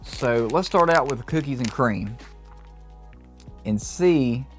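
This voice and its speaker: A man giving an enthusiastic, casual review of low-carb snacks, reacting as he tastes them. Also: animated, slow, faint music behind. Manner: upbeat, enthusiastic tasting reactions. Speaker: food reviewer. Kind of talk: casual product review vlog.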